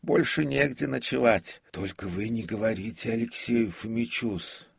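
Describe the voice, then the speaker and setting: A man voicing a gentle, deferential elderly male theater prompter who adds a servile "-s" to his words. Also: mid-range voice, normal speed, vocal fry, breathy edge, no echo, clean studio sound, pitched above the performer's own voice. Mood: apologetic. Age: older. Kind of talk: audiobook character voice.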